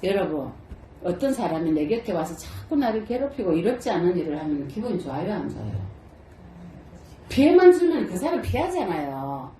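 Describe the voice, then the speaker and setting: An older Buddhist nun preaches a dharma talk in a temple hall. Her voice is mellow and swings widely in pitch as she throws question after question at her listeners. The room adds a clear echo. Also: brisk, a little hiss or hum. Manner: lively, asks the audience many rhetorical questions. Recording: roomy echo.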